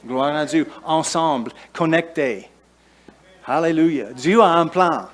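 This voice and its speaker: Pastor preaching in halting French. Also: male voice, fairly high pitch. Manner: preaches with halting restarts, rising emphatic lists and quieter asides. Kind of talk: sermon.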